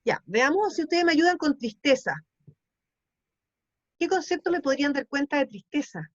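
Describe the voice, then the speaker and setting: A woman's voice: high-pitched, big pitch swings, normal speed, dry recording, dull audio. A woman teaching a class, explaining patiently and checking in often with questions. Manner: explanatory, asks ¿sí? to check understanding.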